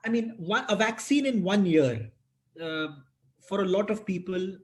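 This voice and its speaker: A man's voice: high voice, a little slow, a little mellow. A man with an Indian accent moderating an online talk, formal and deferential, in a wordy, hesitant way.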